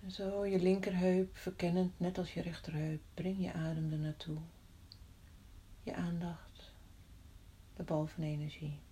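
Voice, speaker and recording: A woman guides a body-scan meditation in a soft voice that often drops to a whisper. She talks very slowly and calmly, leaving long pauses. Her tone is low and mellow. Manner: slow, calm, with long pauses.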